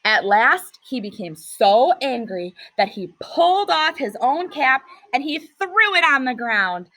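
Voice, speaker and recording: A woman teacher reading a picture book aloud to children, expressive and pausing to ask questions. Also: sits high, dry recording, poor audio. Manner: expressive, asks listeners questions.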